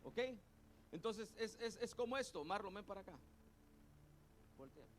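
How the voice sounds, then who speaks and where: A middle-aged male pastor preaching a sermon, leading the congregation to repeat terms after him and repeating his points slowly. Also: sits high, expressive, a little hiss or hum. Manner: call-and-response teaching, has the congregation repeat terms; spells out words letter by letter and repeats points slowly.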